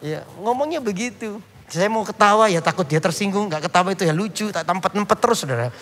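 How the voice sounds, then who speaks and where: High-voiced, joking male preacher. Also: lively intonation, fast, fairly bright tone. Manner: humorous storyteller, often addresses the congregation. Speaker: pastor. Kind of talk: sermon.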